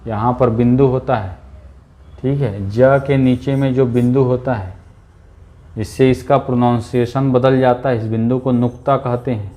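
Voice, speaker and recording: Slow male teacher going over exam questions, repeats stuff, keeps saying theek hai. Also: mid-range voice, fairly even intonation, dark tone. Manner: slow, repeats key words, says "ठीक है" often. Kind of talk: exam-prep lesson.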